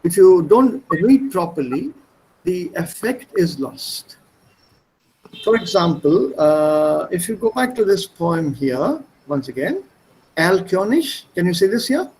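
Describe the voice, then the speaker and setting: Male language teacher on a video call, high voice, very lively, slow and drawn out. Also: poor audio. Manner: slow and drawn out, quizzing students on word stress, mixes German and English. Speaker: German teacher. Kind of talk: online language class.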